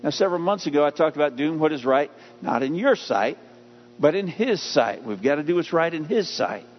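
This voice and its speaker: A man preaching with a somewhat high voice, swinging from raised, acted-out lines to low, quiet asides. His words ring out with a long reverb, as if from a large church sanctuary. The sound is a little dull, with a faint hiss underneath. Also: a little fast. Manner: animated preaching, acts out voices of people and God. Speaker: pastor. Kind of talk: sermon.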